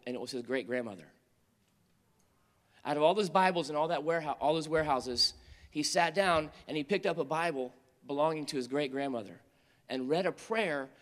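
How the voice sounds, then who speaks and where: A man preaching to teenagers in an earnest storytelling manner, rising to urgent appeals and dropping to quiet, tender moments. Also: a little high. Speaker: youth pastor. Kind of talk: sermon to teenagers. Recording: long hall reverb.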